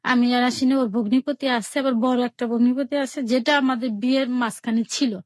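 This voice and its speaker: Calling into a radio show, a woman from Bangladesh narrates her own life plainly, circling back over the same points and retelling every exchange in quotes. Her fairly high voice stays steady in tone, a little mellow, and fairly quick, with no echo.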